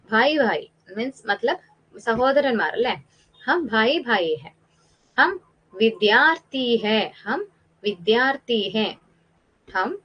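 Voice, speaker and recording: A woman with a Malayali accent teaching a Hindi class, explaining patiently, repeating words slowly and asking the students questions. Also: medium pitch, highs cut off, slight background noise.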